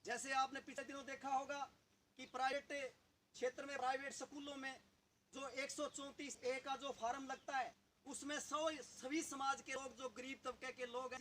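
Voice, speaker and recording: Guy giving a speech in a village, high sharp voice, keeps asking the crowd questions, bit of noise behind. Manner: rhetorical questions to the audience. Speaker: local party leader. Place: outdoors in a village gathering.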